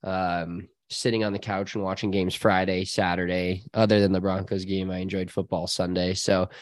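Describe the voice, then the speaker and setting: A man's voice: low-pitched, little pitch movement, moderate pace, dry recording. An American man co-hosting a casual chat, talking in a rambling, slangy way. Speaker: podcast co-host.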